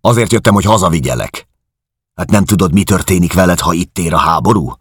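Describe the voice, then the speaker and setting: Man voicing a hulking bully officer, loud, scornful, raspy edge. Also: low-pitched, very animated, no echo, clean studio sound, voice pushed up, heavily acted. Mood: angry bullying. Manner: shouting, contemptuous.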